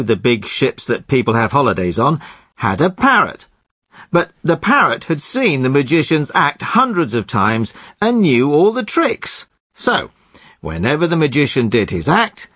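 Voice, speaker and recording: A man spins a long joke at a storyteller's pace, pausing for effect. His pitch swings widely as he tells it, and the recording is dry and close. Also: a bit bright, dry recording. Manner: storytelling with playful pauses. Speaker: regular joke teller. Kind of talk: scripted joke telling.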